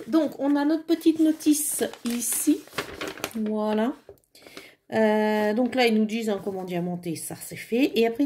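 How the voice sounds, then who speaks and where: Woman, home crafting vlogger, slightly high, casual and rambling, faint noise behind. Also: warm tone. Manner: chatty, thinking aloud with fillers and little "tac" sounds. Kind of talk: casual hands-on crafting chat.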